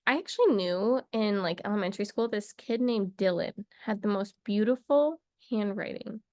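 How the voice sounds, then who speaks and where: A woman's voice: medium pitch, moderate pace, dark tone, no room sound, studio quality. A young woman teaching a casual English lesson to camera, chatty and playful, wandering off into little asides.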